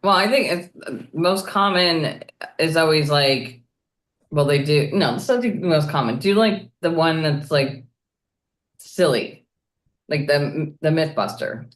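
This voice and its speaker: A woman's voice: low voice, expressive, slow. A woman who creates cruise videos, chatting casually as a guest, with many filler words. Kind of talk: casual chat. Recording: echoey room.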